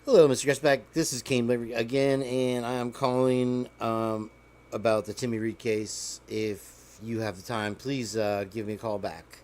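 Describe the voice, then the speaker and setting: A man's voice: mid-range voice, fairly even intonation, moderate pace, a little mellow, slight background noise. A man leaving a polite, formal voicemail, asking for a call back with small hesitations. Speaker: livestream host.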